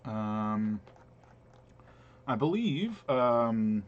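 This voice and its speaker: A man running a tabletop game, narrating casually with many fillers and pauses. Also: mid-range voice, sing-song. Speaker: game master. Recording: dull lo-fi stream audio.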